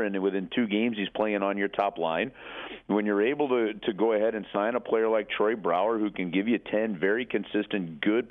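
Low-voiced man on a tinny phone line. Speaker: sports radio commentator. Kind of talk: live hockey analysis on talk radio. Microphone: telephone.

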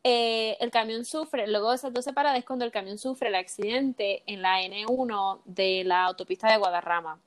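A woman's voice: medium pitch, moderate pace, few pauses. A young woman casually telling a true-crime case in a chat podcast, slipping English words into her Spanish.

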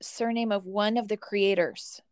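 A woman's voice: mid-range voice, fairly even intonation, measured pace, darkish tone, no room sound, clean studio sound. A woman co-hosting a podcast in casual chat, easygoing and matter-of-fact. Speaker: podcast co-host.

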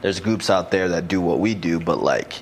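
A man's voice: sits low, normal speed, slight background noise. A man chatting casually in a joking, slangy manner, as one performer among friends. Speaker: stage show performer. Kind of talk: casual chat.

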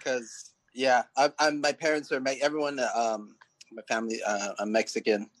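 A man's voice: mid-range voice, steady tone, moderate pace, fairly bright tone, no echo. A man in his late thirties from San Diego, chatting as a guest on a podcast. He rambles loosely, with lots of "uh" and "like" and false starts. His voice sits in a middle register, and the recording is dry and close, with no room sound. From San Diego, California. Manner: rambling, many fillers and restarts. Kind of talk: casual interview chat.

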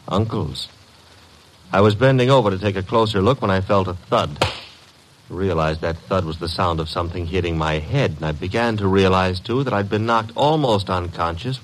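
Archie, low-voiced wisecracking detective's sidekick. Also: male voice. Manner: breezy, slangy, wry. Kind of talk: 1940s-1950s radio drama acting and hard-boiled narration. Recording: noisy vintage radio recording.

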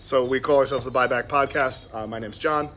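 A man's voice: mid-range voice, steady tone, a little fast, a bit bright, a little hiss or hum. An American man hosting a casual interview, asking simple questions in a slightly hesitant way. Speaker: podcast host, interviewer. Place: in a bar.

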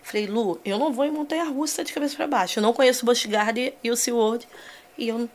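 Animated woman telling a story. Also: on the high side, fast. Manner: animated storyteller, acts out her own panic. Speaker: guest. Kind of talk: casual podcast chat.

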